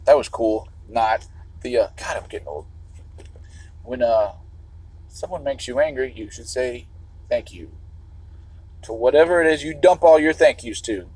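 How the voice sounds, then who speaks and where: A man from the Chicago area rambles through a livestream from behind the wheel. His voice is husky and sits in an ordinary middle pitch. He keeps stopping to restart his thoughts, and he swears casually as he goes. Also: expressive, normal speed, long pauses, darkish tone, poor audio. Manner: meandering, restarts, swears often.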